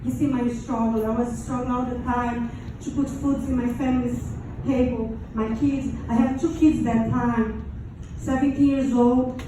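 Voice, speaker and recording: Speaking to an audience as a survivor, a woman from Brazil shares her testimony in halting, non-native English with a Brazilian Portuguese accent. Her voice sits on the high side with a level tone. The large room is very echoey, the mic is distant, and faint noise hangs underneath.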